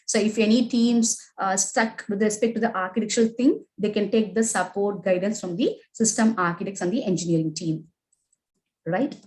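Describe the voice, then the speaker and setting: A woman's voice: medium pitch, moderate pace, a little mellow, poor audio. A woman with an Indian English accent, teaching a live online class. She asks the class questions, reads their chat answers aloud and keeps adding "right?" and "okay?". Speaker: agile training instructor.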